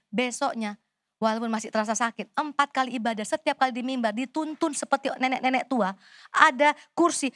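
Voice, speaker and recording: A middle-aged woman pastor preaches, telling her story in lively bursts and turning often to the congregation. Her voice sits high and sounds bright and sharp. The recording is dry and close. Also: no echo. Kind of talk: sermon.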